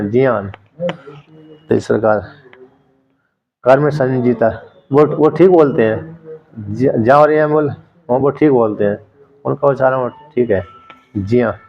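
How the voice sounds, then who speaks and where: A man lecturing on a Sanskrit text, explaining terms and repeating words slowly to drill their pronunciation. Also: medium pitch, creaky, muffled recording. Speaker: Sanskrit scripture teacher.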